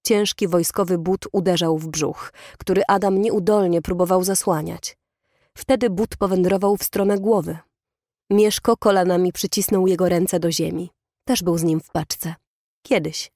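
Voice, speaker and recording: A woman narrating an audiobook in a measured, even manner, recorded in a studio. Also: on the low side, no echo. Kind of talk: scripted narration.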